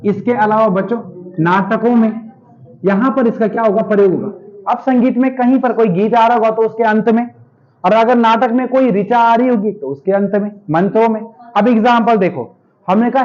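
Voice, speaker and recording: A high-pitched man teaches a classroom grammar lesson and keeps quizzing his students before answering for them. The recording is dull and lo-fi. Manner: asks students questions and answers them himself.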